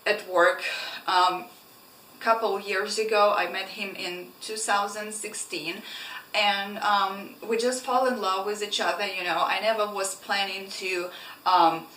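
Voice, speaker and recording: A woman's voice: medium pitch, fairly even intonation, unhurried, sharp tone. A young woman from Ukraine, chatting casually in a vlog with many fillers and restarts. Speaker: travel vlogger. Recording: roomy, slightly distant mic, faint room noise.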